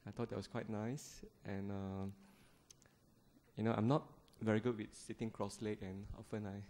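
A man in his thirties from Malaysia, giving a gentle, conversational Buddhist talk to a seated group, speaking into a handheld microphone in a temple hall. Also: lowish voice, level tone, moderate pace. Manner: gentle, conversational, with frequent fillers and small laughs. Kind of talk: Dharma talk to a seated audience. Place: temple hall, indoors, seated on the floor before a shrine.

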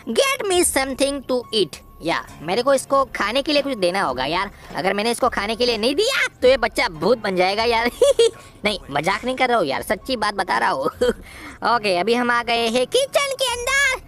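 A woman's voice: on the high side, very animated, moderate pace, few pauses, a bit bright. Woman voicing giggly cartoon boy Kanzo. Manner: giggles often, teasing, yelps and wails in mock fright. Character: cheeky giggly young boy playing horror games. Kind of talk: comic gameplay commentary in a cartoon voice.

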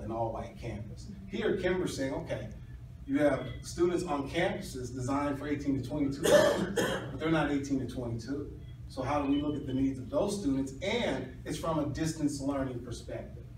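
A middle-aged man giving a hedging, halting academic explanation with restarts, as a doctoral candidate at his defense. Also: mid-range voice. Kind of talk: academic oral defense, answering questions. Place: small university classroom, indoors. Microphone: distant camera or phone across the room. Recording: echoey room, distant mic, noisy.

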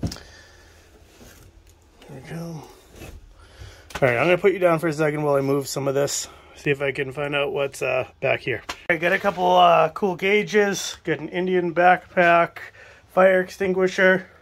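A male vlogger from New England, an estate sale buyer, films a shed cleanout on his handheld phone inside a cramped wooden shed, musing aloud to viewers in relaxed running commentary as he picks items. His fairly high voice is creaky, at a moderate pace with long pauses, and faint background noise comes through.

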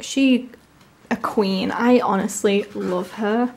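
A woman with a sore, swollen-tonsil voice from tonsillitis, chatting casually and gushing excitedly as she hosts an unboxing. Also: mid-range voice, slow, creaky. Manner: gushing, enthusiastic. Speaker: unboxing video host.

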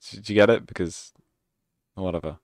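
A young man with a low voice signs off his stream, talking casually and sarcastically about himself in a rambling way. He's right on the microphone, and the recording is dry.

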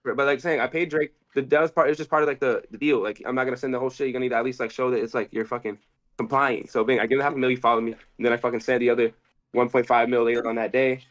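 A man's voice: medium pitch, fairly even intonation, a bit bright. A man being interviewed, telling a rambling story with lots of cursing and restarts. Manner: rapid, cursing, restarts often. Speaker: interview guest.

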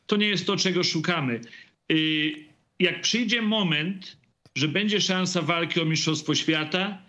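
Hesitant middle-aged man, bright voice. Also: fairly high pitch, highs cut off. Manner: hesitant, many drawn-out fillers, mixes in English phrases. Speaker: boxer's father and team member. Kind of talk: remote interview over video call. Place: indoor room at home.

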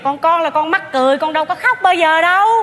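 A sassy high-voiced fish seller. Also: female voice, a bit bright. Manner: quick, sassy, teasing retorts. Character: brash middle-aged woman fish seller, sharp-tongued. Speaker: fortune-teller's client in a stage sketch. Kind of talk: stage comedy sketch. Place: large theater stage. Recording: reverberant stage with faint ambience.

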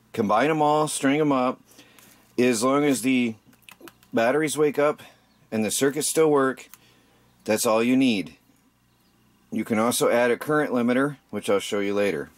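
Man chatting casually over his workbench. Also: mid-range voice. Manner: chatty, explanatory, with frequent ums and restarts. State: tired. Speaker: DIY channel host. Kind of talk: casual how-to vlog. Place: indoor workshop bench by a window.

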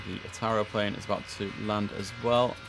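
Croaky man streaming as air controller. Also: on the low side, level tone, a little fast, over music. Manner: chatty, mixes slang with controller phraseology. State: croaky early-morning voice. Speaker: streamer playing an air traffic control game. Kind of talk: casual live-stream commentary with radio calls.

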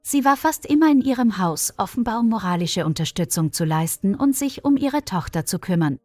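A woman reading a scripted story in a calm, even storytelling manner. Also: mid-range voice, a little fast, no echo, studio quality. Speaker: narrator. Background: faint music.

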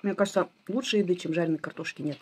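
A woman's voice: on the low side, racing, background noise. A woman in a casual home vlog, talking with her mouth full as she chews, homely and chatty. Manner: homely, chatty, fond of diminutives. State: chewing. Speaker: vlogger. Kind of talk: casual mukbang vlog chat.

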